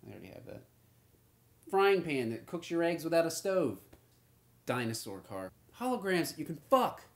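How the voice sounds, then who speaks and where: A man's voice: a little high, sing-song, moderate pace, creaky. A man acting in comedy outtakes, improvising and reworking his lines with coarse language. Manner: profane, repeats lines with new endings. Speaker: actor recording comedy outtakes. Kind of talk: comic dialogue takes with improvised riffing.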